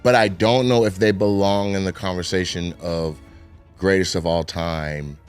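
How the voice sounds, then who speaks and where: A man comedian as a guest in casual chat, playful and animated, hedging carefully when giving opinions. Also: deep voice, moderate pace, smooth, soft background music.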